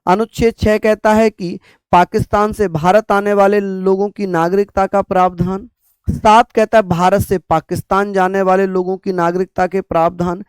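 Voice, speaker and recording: A man's voice: high-pitched, level tone, normal speed, clear, resonant tone, dry recording. A young man teaching an online exam-prep lecture, repeating points and calling students his brothers and sisters.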